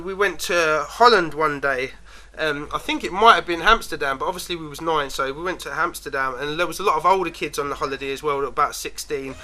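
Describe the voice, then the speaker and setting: A man's voice: a little high, sharp tone. A man telling a rambling personal story in a casual, chatty way, dropping "man" and "like" often.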